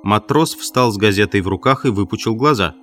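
A man with a fairly low voice reads a classic novel aloud. His delivery is measured and expressive, and faint music plays quietly behind him. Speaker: audiobook narrator. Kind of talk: scripted literary narration.

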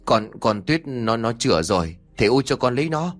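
A man's voice: medium pitch, big pitch swings, fairly quick, lightly acted. A man voicing a cowardly young village man who pleads and argues with his parents. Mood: pleading. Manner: whiny, pleading.

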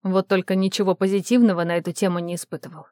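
A woman narrating an audiobook in a measured, even manner. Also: fairly low pitch, dry recording, studio quality. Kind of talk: audiobook reading.

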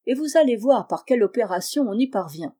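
A woman's voice: a little high, animated, brisk, mellow. A woman reading a glib, mocking old sorcerer. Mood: scheming. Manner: lofty, sermonizing, wordy. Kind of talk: audiobook reading of a classic tale.

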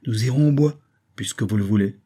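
A man reading aloud voices an impatient, jealous young Parisian gentleman of about twenty-five, agitated and pleading. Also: fairly low pitch, fairly quick, slightly rough. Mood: resigned.

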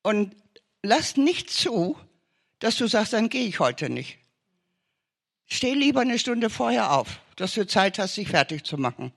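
Male preacher, high voice with animated pitch, urgent emphatic exhortation. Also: unhurried, vocal fry. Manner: urgent, emphatic exhortation with repeated short commands. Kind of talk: sermon testimony.

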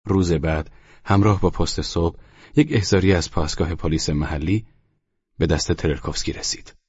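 A man narrating a novel in a measured, steady way, with a very low, husky voice. The sound is dry, close and a bit dull, like a lo-fi recording. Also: no room sound. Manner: measured, even storytelling. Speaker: audiobook narrator. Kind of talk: scripted literary narration. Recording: muffled lo-fi audio.

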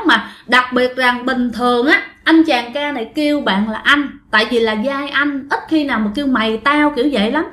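A woman's voice: sits high, a bit bright, roomy sound. A woman telling a ghost story in a chatty way, talking straight to her listeners. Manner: chatty, addresses listeners directly.

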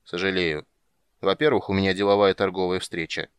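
A man voicing a grumpy, wary male halfling merchant in an audiobook, gruff and grudging. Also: low voice, steady tone, fairly quick, dry recording, close to an everyday voice. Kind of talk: audiobook character voice.

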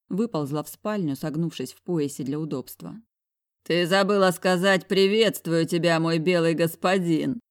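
A woman's voice: sits low, warm tone, no echo, clean studio sound. A woman narrating a novel aloud in the first person. Her reading is wry and sarcastic, drawing out the comedy in the heroine's plight. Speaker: audiobook narrator.

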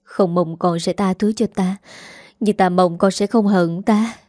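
A woman's voice: medium pitch, moderate pace, mellow, dry recording, studio quality, lightly acted. A woman voicing a stern older matriarch. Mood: weak, remorseful. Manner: severe, commanding.

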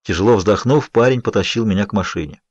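A man narrating a novel in the first person with an even, measured reading. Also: lowish voice, no room sound, highs cut off. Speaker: audiobook narrator.

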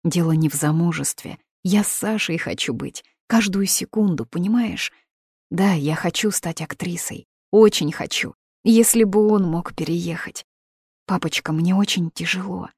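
Woman voicing desperate eighteen-year-old daughter, pleading, emotional, lower voice, dry sound. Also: normal speed, a little mellow, husky, no room sound. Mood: distressed.

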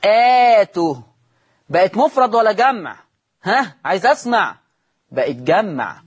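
A man's voice: high voice, very animated, normal speed, husky. A man with an Egyptian accent teaching Quran recitation on a broadcast lesson, drawing out recited words and quizzing his listeners. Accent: Egyptian Arabic.

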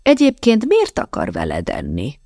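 A woman's voice: rumbling low, wildly swooping pitch, dark tone, dry recording, clean studio sound, pitched below the performer's own voice, heavily acted. A woman voicing a stern older aunt who keeps house, scolding and giving firm commands.

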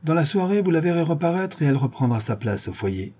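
Old crone goatherd, quavering and sly, pitched up, read by a man. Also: very animated, fast, dark tone, husky. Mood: wheedling. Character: scheming old peasant woman, goatherd witch.

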